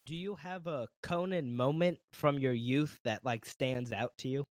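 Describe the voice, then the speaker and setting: A man's voice: mid-range voice, a little slow, dry recording, studio quality. A man hosting a podcast, asking questions in an easy conversational way. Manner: conversational, asks follow-up questions. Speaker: podcast host. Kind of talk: casual interview chat.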